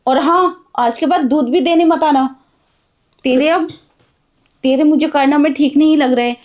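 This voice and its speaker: A woman's voice: high voice, unhurried, darkish tone. A woman playing a blind housewife who scolds and rebukes indignantly in a melodramatic drama. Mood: angry.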